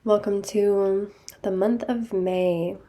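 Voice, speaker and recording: A woman leading a guided meditation over a video call, speaking gently and soothingly. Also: mid-range voice, fairly even intonation, slow pace.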